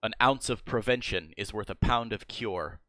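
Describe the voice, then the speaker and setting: A man's voice: on the low side, moderate pace, sharp tone, dry recording. An American man casting and coaching over a strategy game replay, asking his guest questions with plenty of fillers. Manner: asks questions, many fillers. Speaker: caster and coach. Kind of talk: casual game analysis commentary.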